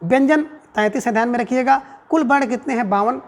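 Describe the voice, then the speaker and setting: A male Hindi grammar teacher running an exam-prep quiz lesson, reading out each answer option slowly and checking in with frequent tag questions. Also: extremely high pitch. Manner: reads out each answer option in a measured, drawn-out way.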